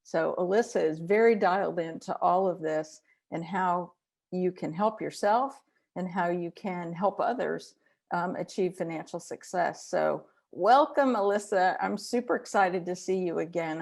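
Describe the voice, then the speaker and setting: A woman's voice: on the low side, normal speed, vocal fry, darkish tone. A middle-aged woman, a psychologist, hosting an online interview, asking questions with enthusiasm on a video call.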